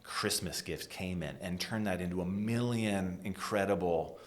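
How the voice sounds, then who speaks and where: A middle-aged American man from New England, a design executive giving an animated interview and dropping to a whisper for emphasis. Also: sits low, moderate pace. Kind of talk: conversational interview.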